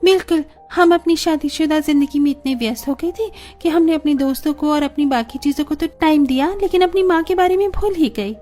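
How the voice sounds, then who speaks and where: Young married daughters in a cartoon talk in high, emotional voices, all done by one woman. Their delivery is pleading and earnest. Soft music hums faintly behind them. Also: fairly quick, few pauses, natural voice. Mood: eager. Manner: pleading, tearful and heated by turns. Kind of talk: animated story dialogue.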